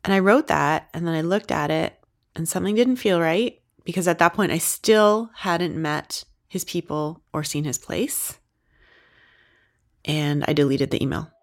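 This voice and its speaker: Woman, interviewee, low voice, candid, conversational, chatty. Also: measured pace. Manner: conversational, frequent "like" fillers.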